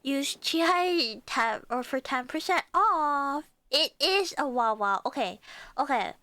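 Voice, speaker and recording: A woman's voice: sits high, animated, takes it slowly, bright, forceful tone, no echo. A woman chatting to viewers as a livestream host, with a cute, bubbly anime-streamer manner and a playful, rambling way of talking. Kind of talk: livestream casual chat with viewers.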